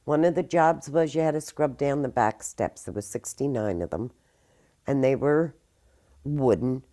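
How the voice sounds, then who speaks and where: A woman's voice: a bass voice, normal speed, warm tone. An older woman from Philadelphia, explaining childhood chores plainly in an interview. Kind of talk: reminiscing interview.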